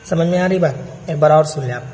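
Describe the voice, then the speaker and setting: A man teaching Quran recitation, chanting each verse slowly and then explaining pronunciation quickly, often checking with "theek hai?". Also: fairly high pitch, mellow, long reverb tail, a little hiss or hum.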